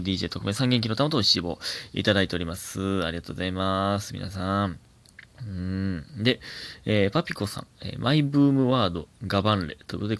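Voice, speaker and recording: Young male solo host, Kansai accent, chatty and animated, swoopy pitch, gravelly edge. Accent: Kansai Japanese. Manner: chatty, animated, rambling musings with laughs and self-corrections. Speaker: podcast host. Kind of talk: solo casual radio talk, reading listener mail.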